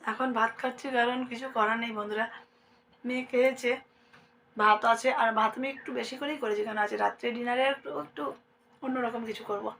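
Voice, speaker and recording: A woman's voice: a little high, fairly even intonation, brisk, a little hiss or hum. Chatty Bengali woman vlogging from home. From India. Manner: chatty, addresses viewers as friends; speaks softly at times so her sleeping daughter is not woken. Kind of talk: casual daily vlog narration. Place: at home, indoors.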